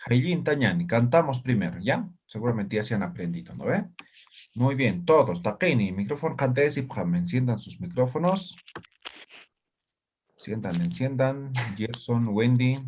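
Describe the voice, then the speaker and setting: A man leads a live online language lesson, explaining sounds step by step in a patient, steady way. His voice sits at an ordinary middle pitch for a man. It comes through a computer mic on a video call. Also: moderate pace, husky. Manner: patient explaining, tags nearly every phrase with a short check-in question. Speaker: language teacher.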